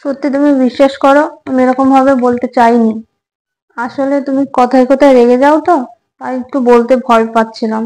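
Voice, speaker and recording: A woman playing an anxious young wife in a comic home drama, coaxing and apologizing to calm her husband. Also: high-pitched, brisk, a little hiss or hum, lightly acted, rough recording. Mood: placating. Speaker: short-drama actress.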